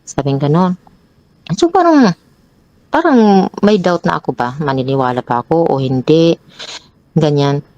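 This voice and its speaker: The audio is dull with no room sound as a young guest recounts her troubling story at a measured pace, pausing often. Emotional and increasingly animated, she jumps to a high pitch when retelling arguments, often restarting and repeating words.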